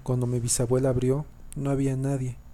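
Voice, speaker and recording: A man narrates a scary family story in a low, mellow voice. His delivery stays flat and even, and he often trips over lines and starts them again. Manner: reads haltingly, often restarting and repeating sentences. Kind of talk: scripted horror story narration.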